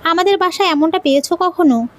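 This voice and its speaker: A woman's voice: very high voice, fast talker, voice pushed up. A woman voicing an affectionate young husband who jokes and teases his wife. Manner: gently teasing.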